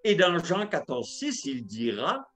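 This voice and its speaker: A man's voice: fairly high pitch, huge pitch swings, unhurried, fairly bright tone, soft background music. A man telling a homespun story in a sermon, repeating phrases and acting out the dialogue. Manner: homespun, repetitive, acts out the dialogue. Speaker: preacher telling a testimony.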